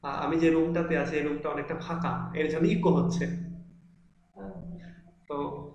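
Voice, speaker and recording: A man's voice: a little high, level tone, normal speed, creaky, a little mellow, lo-fi sound. Man teaching in a bare, echoing room. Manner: explains patiently with many fillers and restarts. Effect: echo from an empty room. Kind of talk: online class lecture. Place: large, mostly empty room. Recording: echoey empty room, faint noise.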